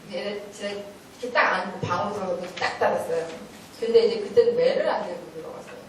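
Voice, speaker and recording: A middle-aged woman giving a lively talk at a church parenting meeting, telling stories and acting out stern scolding. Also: mid-range voice, very fast, slight background noise. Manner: animated storytelling, acting out stern scolding, often laughing. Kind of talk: lecture-style talk with acted quotes. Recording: echoey hall, voice from far off.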